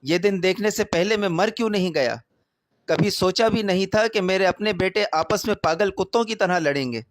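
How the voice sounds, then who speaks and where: A man's voice: high voice, pitched above the performer's own voice, lightly acted. A man voicing a heartbroken old father crying out. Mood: anguished. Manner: anguished outcry. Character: elderly father, pious, heartbroken and shouting.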